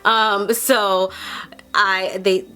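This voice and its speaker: A woman's voice: medium pitch, level tone, extremely slow, pushed and bright, smooth. A woman in her thirties earnestly telling her own birth story in a casual vlog, acting out the voices of people she quotes.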